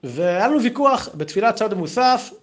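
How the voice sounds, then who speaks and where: A man giving an anecdotal memorial talk as a yeshiva teacher, telling stories in a lively way. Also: high-pitched. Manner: lively, storytelling, acts out quotes.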